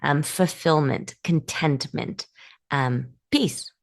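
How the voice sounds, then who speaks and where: Podcast host, woman, low voice with some vocal fry, chatty motivational coaching, lots of ums. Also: slow pace. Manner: chatty, encouraging, with many ums and restarts. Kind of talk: casual motivational talk to listeners.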